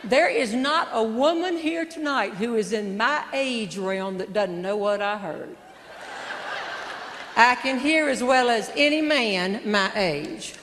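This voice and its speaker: A woman in her sixties telling a funny story to a live audience in an event hall, with a wry, drawn-out comic delivery. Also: fairly high pitch, animated, a bit bright, a little hiss or hum. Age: 60s. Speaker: humorous speaker. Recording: echoey hall, faint ambience.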